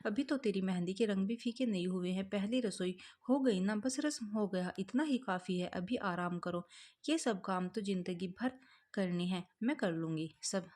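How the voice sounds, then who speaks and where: A woman's voice: medium pitch, normal speed, darkish tone, natural voice. A woman voicing a kind, doting middle-aged mother-in-law in a spoken family story, affectionate and coaxing. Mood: fond, coaxing.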